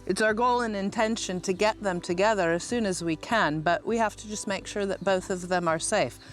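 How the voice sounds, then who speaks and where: A woman who works at an animal park, speaking informally and a little haltingly in a documentary interview. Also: mid-range voice, soft background music. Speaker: animal park staff leader.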